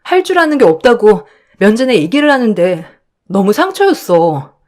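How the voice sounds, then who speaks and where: A woman with a mid-range voice tells her own story at normal speed, expressively. In the dialogue she plays herself as a wife who is hurt and pleading.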